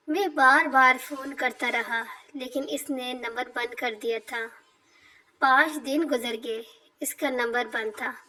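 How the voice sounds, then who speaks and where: A woman reading a scripted first-person love story aloud in a steady, measured way. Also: sits high, poor audio.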